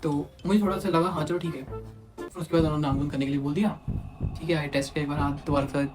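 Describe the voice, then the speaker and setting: A young man tells a personal story at a quick, tumbling pace, his voice sitting a little high. He is animated and acts out what others said to him. Music plays clearly underneath. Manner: animated, quotes others in acted asides. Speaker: vlogger. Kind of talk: casual storytelling.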